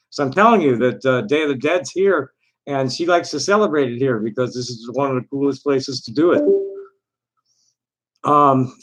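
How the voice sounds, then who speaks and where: A man hosting an online discussion in casual, rambling talk, blunt and profane, with a halting delivery. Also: fairly high pitch, a bit bright, rough recording.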